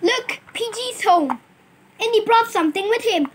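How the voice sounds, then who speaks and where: A woman's voice: extremely high pitch, lively intonation, normal speed, slight background noise. A woman narrating a toy play story, voicing the characters herself with playful, sing-song sound effects.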